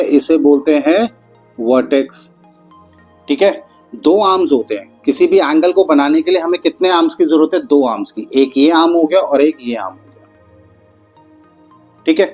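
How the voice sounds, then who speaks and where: A man's voice: a little high, a little mellow, husky, poor audio. Patient Hindi-English math teacher, man. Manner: patient, addresses students as "beta"; slows down and stretches out key terms. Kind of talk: explaining geometry to students.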